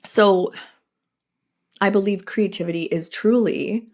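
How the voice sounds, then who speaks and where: A middle-aged woman hosting her own podcast, talking through a personal, reflective monologue in an earnest, animated way with frequent asides. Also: medium pitch, slow pace. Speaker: podcast host.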